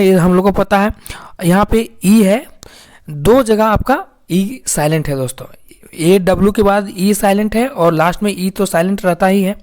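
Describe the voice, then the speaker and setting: A woman's voice: medium pitch, darkish tone. A woman with a mid-range voice teaches a phonics lesson. She keeps posing questions to her viewers and then answering them herself. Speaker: English teacher.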